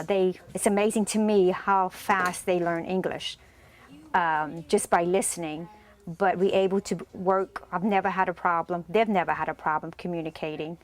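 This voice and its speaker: A middle-aged woman, a teacher talking plainly and explaining things in an interview. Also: on the low side. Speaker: fourth grade teacher. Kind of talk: interview talk.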